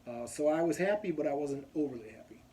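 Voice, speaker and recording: A man's voice: a little high, expressive, fast, dark tone, slight background noise. Rambling man telling a story. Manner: rambling, goes off on tangents. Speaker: vlogger. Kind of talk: casual storytelling to camera.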